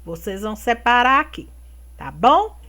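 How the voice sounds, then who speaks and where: A woman teacher giving a remote lesson to young children, speaking slowly and clearly, stretching out words and checking in with tag questions. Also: on the high side, big pitch swings, bright, forceful tone. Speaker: primary school teacher.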